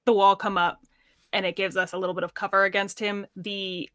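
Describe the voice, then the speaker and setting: Casual: woman player talking through her move, bright clear voice, dry sound. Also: mid-range voice, flat delivery, a little fast, no room sound. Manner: thinks aloud, lays out plans step by step. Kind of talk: tabletop role-play chat.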